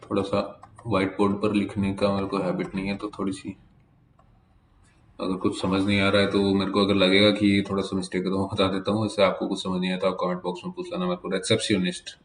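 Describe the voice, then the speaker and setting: A man teaching a German vocabulary lesson in at a whiteboard, slowly spelling out each word letter by letter. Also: low-pitched, level tone, roomy sound, a little hiss or hum. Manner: slow, spells words letter by letter. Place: classroom with whiteboard.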